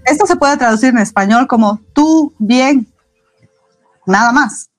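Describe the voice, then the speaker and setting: A woman's voice: on the high side, no room sound, faint music behind, poor audio. Patient woman teaching Mandarin basics. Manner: patient, explains slowly with repeated examples. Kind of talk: live online language lesson.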